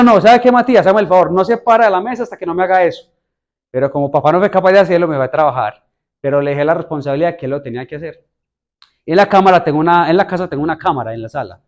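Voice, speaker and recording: A man's voice: fairly high pitch, a little mellow, muffled recording. A man preaching a sermon in a conversational way, often asking the audience questions. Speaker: pastor.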